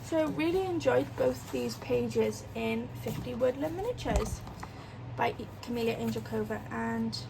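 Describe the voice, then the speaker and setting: A woman's voice: fairly high pitch, unhurried. A British woman chatting casually as the host of a colouring vlog. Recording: clear fan noise behind voice. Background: electric fan.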